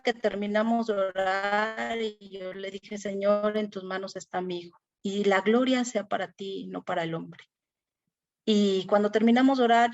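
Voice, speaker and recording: Middle-aged woman, earnest emotional testimony, lots of fillers, dull lo-fi audio. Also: medium pitch. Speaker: class participant sharing testimony. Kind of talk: personal testimony in a Bible study class.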